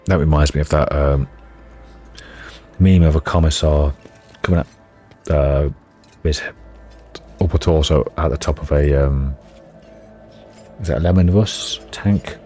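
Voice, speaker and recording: A deep-voiced man drifts through a game playthrough, reading its lines aloud and breaking off to joke about his own fading voice. His tone stays mellow and unhurried, and his voice sounds hoarse. Soft music plays underneath. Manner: rambling, self-mocking asides. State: voice going hoarse. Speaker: let's-play gamer.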